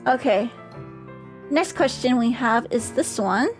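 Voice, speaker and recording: A woman with a very high, girlish voice chats casually on a livestream in a cute anime streamer style. She is playful and tends to repeat herself as she answers viewers. Music plays behind her. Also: lively intonation, takes it slowly. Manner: giggly, repeats phrases.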